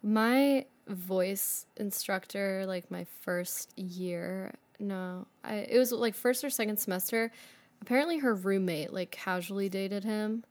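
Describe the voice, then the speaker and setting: A woman's voice: medium pitch, unhurried, a little mellow. A young woman co-hosting a music podcast, speaking candidly and animatedly and laughing often. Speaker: podcast co-host. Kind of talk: casual chat.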